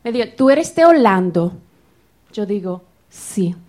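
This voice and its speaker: A woman from Florida telling a personal testimony in church, acting out the dialogue with lively shifts. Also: mid-range voice, takes it slowly. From Florida, United States. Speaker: church member sharing a testimony. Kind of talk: animated personal storytelling.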